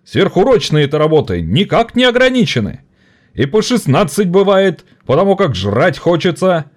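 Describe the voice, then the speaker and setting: A man's voice: high voice, very animated, normal speed, pitched above the performer's own voice. A man voicing a fiery orator rousing striking workers in an audiobook. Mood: indignant. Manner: rousing, indignant speech.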